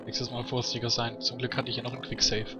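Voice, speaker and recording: Male let's player, mid pitch, dry offhand commentary, heavy game music underneath. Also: monotone, quick pace, muffled recording. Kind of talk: casual gameplay commentary. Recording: loud game music behind voice. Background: video game music and sounds.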